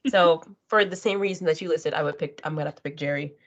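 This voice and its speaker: A woman's voice: low-pitched, fast. A woman co-hosting a podcast in casual chat, giving blunt opinions and repeating phrases for emphasis. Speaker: podcast co-host. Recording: dull, lo-fi podcast audio.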